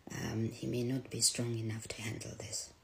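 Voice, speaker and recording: A middle-aged woman telling a personal story in a soft, hushed voice that often drops to a near whisper. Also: a bass voice, level tone, moderate pace, creaky, a little hiss or hum, poor audio.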